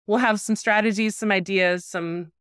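A woman in her forties co-hosting a podcast, chatting casually and telling animated stories with playful voices for the people in them. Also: mid-range voice, normal speed, smooth, no room sound, clean studio sound. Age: 40s. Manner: animated storyteller, acts out voices in anecdotes. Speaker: podcast co-host. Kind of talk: casual chat.

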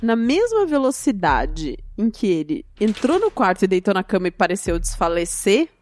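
A woman telling a story in a casual chat, animated and often laughing. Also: mid-range voice, normal speed, a little hiss or hum. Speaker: storyteller guest.

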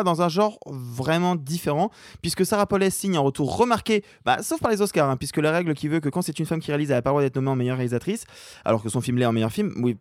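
A man's voice: on the high side, dry recording, studio quality. A male podcast host leading a film debate, joking and keeping things moving.

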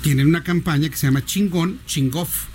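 Mexican male radio host, slightly high voice, playful banter and shout-outs. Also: brisk, faint music behind. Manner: playful, joking, reads out listener greetings. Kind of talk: casual radio chat.

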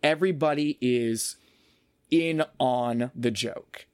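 A man hosting a casual podcast chat, talking in an animated way and often repeating words as he gathers his thoughts. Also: medium pitch, slow, smooth, no room sound, studio quality.

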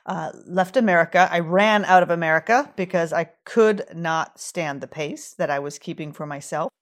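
A Swedish-born woman in her forties telling her own story on a solo podcast, candid, acting out her own quotes, with a morning throat. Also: fairly low pitch. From Sweden. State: morning throat, sipping coffee. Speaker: podcast host.

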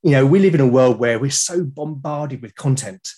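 A British man appears as a podcast guest in a casual conversational interview, speaking at a moderate pace in a medium-pitched, dark voice. He sounds enthusiastic yet hesitant, frequently repeating words as he goes.

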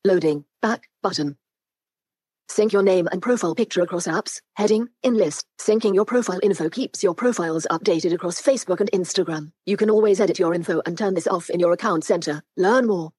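Computer lady voice from a phone screen reader, coming out of a bluetooth speaker, kinda husky, dry. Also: on the low side, a little fast, darkish tone, no room sound. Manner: reads out screen labels and buttons. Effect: synthetic speech played through a Bluetooth speaker.

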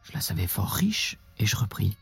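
Man narrating a classic tale, very raspy, slips into whispers, dry sound. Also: lowish voice, big pitch swings, moderate pace, fairly bright tone, no echo. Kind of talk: dramatic literary narration.

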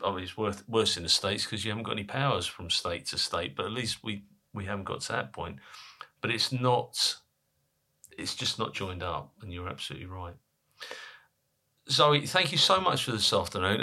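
A man's voice: lowish voice, pushed and bright. A middle-aged man from Essex with an Essex accent, hosting a conversational podcast interview. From Essex, England.

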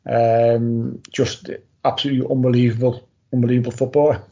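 A male panellist talks football casually, stressing points by repeating them. His pitch is average and moves very little, and the recording is somewhat dull and lo-fi. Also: flat delivery, fairly quick, dark tone. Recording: dull lo-fi audio.

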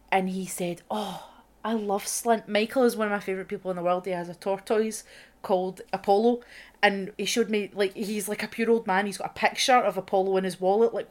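Sweary Scottish woman co-hosting. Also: mid-range voice. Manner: sweary, animated storytelling. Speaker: radio show co-host. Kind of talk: casual chat.

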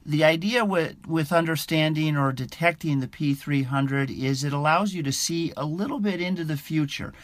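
A man speaking as a science correspondent in an interview, explaining things in a halting, measured way. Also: fairly high pitch, no room sound.

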